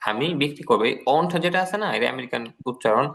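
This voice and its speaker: A man's voice: medium pitch, animated, fast talker, gravelly, noisy background. A man with a Bangladeshi Bengali accent teaching an English class, patiently repeating each word and translating it. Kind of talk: online class lecture.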